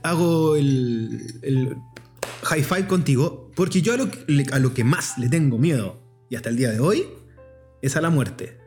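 A man with a Chilean accent, chatting casually on a podcast in an expressive, self-mocking way. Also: medium pitch, unhurried, faint music behind. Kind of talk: casual chat.

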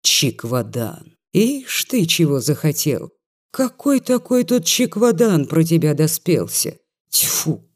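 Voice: medium pitch, big pitch swings, takes it slowly. A reader voicing a cranky old village woman who lisps and scolds. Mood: scolding. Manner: scolding, lisping.

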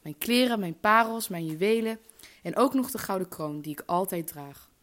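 A woman's voice: mid-range voice, expressive, moderate pace, a bit bright, voice pushed up, lightly acted. A woman doing a spoiled, fearful young princess. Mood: eager.

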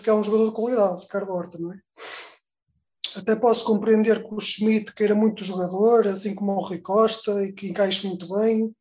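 A man's voice: high voice, a little mellow. A man calling in to give his opinion, indignant and emphatic, dropping "pá" as he talks. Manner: indignant, emphatic, uses "pá" and "epá". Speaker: caller. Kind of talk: phone-in opinion. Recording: dull lo-fi call audio.

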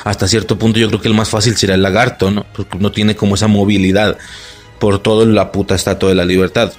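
Excitable, swearing Mexican man. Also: on the low side, quick pace, soft background music. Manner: excitable, swears a lot, laughs often. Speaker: movie reaction vlogger. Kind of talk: excited casual film recap.

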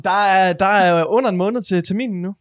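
A man's voice: high-pitched, no echo, clean studio sound. A young man co-hosting a casual podcast chat, joking and swearing freely. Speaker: podcast co-host.

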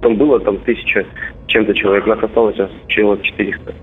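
A soldier calling home, talking bluntly and swearing constantly, heard as an intercepted call over a radio. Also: male voice, fairly low pitch, steady tone, quick pace. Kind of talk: casual phone call. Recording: tinny intercepted radio line, faint hiss.

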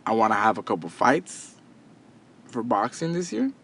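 A very animated man, thirty years old, talks to his podcast audience in a fairly low, slightly rough and somewhat bright voice at normal speed. An entrepreneur, he delivers an earnest, casual motivational monologue, frequently repeating and restarting.

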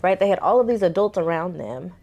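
Low gravelly woman therapist, measured. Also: expressive, darkish tone. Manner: reflective, slow and measured, drops into playful scolding. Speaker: therapist, co-host. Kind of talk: casual reaction chat.

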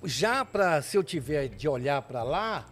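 A man's voice: on the high side, a little slow. A man, an actor, chatting animatedly on a podcast and swearing casually. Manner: animated, swears often, demonstrates soft whispered acting lines.

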